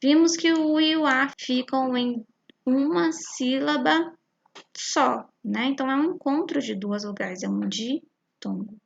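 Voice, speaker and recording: A Brazilian woman with a slightly high, gravelly voice talks a young class through a worksheet. She is patient, breaks words into syllables slowly and keeps checking in with the children. The sound is a dull, lo-fi recording. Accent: Brazilian Portuguese. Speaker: primary school teacher.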